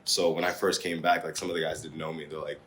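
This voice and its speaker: A man's voice: extremely low pitch, fast, a little hiss or hum. A young man with an American accent, chatting casually as a guest at a dining table at home. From Singapore and the US. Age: young adult. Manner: relaxed storytelling, laughs often. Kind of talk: casual chat.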